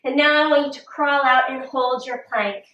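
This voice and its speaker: A woman's voice: sits high, steady tone, normal speed, pushed and bright. A woman fitness instructor leading a workout video, out of breath and huffing between her coaching cues. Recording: roomy echo, distant mic.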